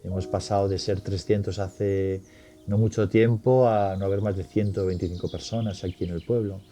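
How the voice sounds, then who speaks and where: A man's voice: low-pitched, steady tone, normal speed, warm tone, a little hiss or hum. A man, a village resident, speaking spontaneously and hesitantly in an interview as he searches for words.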